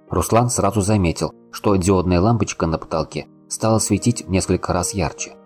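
Deep-voiced male audiobook narrator. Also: darkish tone. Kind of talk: scripted narration.

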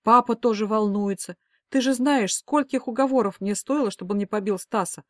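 A woman's voice: a little high, fairly quick, no room sound, studio quality, lightly acted. Woman playing a worried scolding mother. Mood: urging. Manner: emphatic pleading and scolding.

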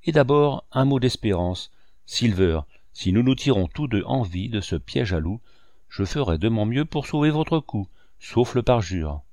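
A man reading the part of a grave, kindly ship's doctor, earnest and gently reproachful. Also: mid-range voice, lively intonation, a little slow, no room sound, clean studio sound. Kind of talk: audiobook dialogue reading.

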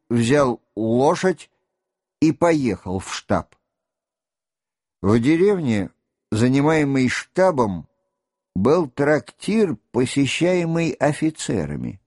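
Slow, measured male audiobook narrator. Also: medium pitch, a little mellow, no room sound, studio quality. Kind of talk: scripted narration.

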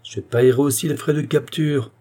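A man reading an older, lively country doctor in an audiobook, speaking briskly and emphatically. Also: mid-range voice, pitched above the performer's own voice, lightly acted. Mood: commanding.

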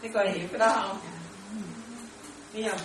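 A Buddhist nun gives a dharma talk to lay followers, often checking whether they follow and repeating herself. Her medium-pitched voice is fairly even in intonation and a little fast. The mic is distant in an echoey room.

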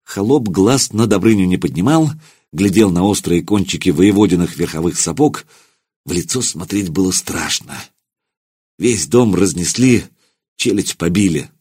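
A man narrating an audiobook historical tale in a dramatic, expressive storytelling manner. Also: low-pitched, moderate pace, breathy edge, no echo, studio quality.

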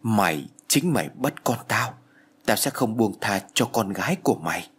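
A man voicing a hostile, unhinged woman who makes slow, menacing accusations, in a storybook reading. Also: lowish voice, lively intonation, fairly bright tone, breathy edge.

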